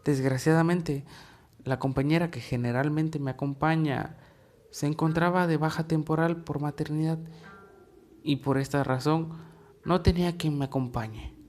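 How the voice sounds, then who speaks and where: A man narrating a first-person horror story in a measured, deliberate way with dramatic pauses. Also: on the high side, fairly even intonation, a little mellow.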